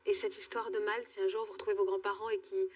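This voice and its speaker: Fast-talking husky woman host. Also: mid-range voice, level tone, distant mic. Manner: probing questions, thinks aloud. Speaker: talk show host. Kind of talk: empathetic interviewing. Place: TV studio.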